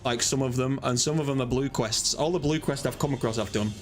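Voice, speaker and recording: A chatty man streams a game and talks casually. He rambles and pokes fun at himself. His voice sits at a middle pitch, with faint music underneath. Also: a little fast. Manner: chatty, rambling, self-deprecating. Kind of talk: casual live-stream chat.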